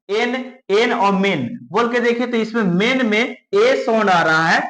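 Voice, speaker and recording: A man's voice: high-pitched, a bit bright, echoey room, rough recording. A man teaching English letter sounds, repeating questions and answers to his students. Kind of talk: spoken English lesson.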